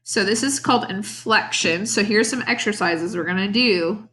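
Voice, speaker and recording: A woman's voice: medium pitch, normal speed, fairly bright tone. A woman teacher talking her class through an online lesson, casual and explanatory with fillers.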